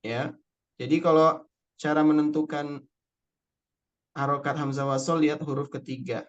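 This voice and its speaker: Patient, higher-voiced male Arabic teacher. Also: fairly even intonation, lo-fi sound. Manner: patient, explains step by step, repeats key words; recites Quranic verses slowly in chant. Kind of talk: online Arabic spelling lesson.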